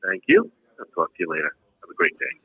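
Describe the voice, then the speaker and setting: Man's outgoing answering machine message, husky and dull through a phone speaker, polite and rehearsed. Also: a bass voice, wildly swooping pitch, fast, dry recording. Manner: polite, scripted voicemail greeting. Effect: recorded answering machine greeting played over a phone.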